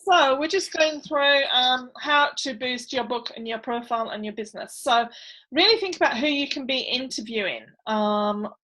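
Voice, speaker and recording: A chatty woman with a fairly high voice teaches authors over a video call. She talks loosely with plenty of fillers and laughs now and then. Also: normal speed, sharp tone, low-quality recording. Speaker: book launch coach. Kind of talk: online webinar teaching.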